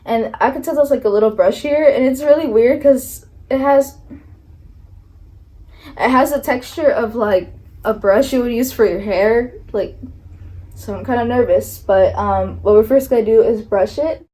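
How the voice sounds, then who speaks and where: A woman's voice: on the high side, moderate pace, warm tone, poor audio. Chatty, nervous young woman vlogger. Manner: chatty, nervous, lots of likes and ums. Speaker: beauty vlogger. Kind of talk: casual makeup tutorial chat.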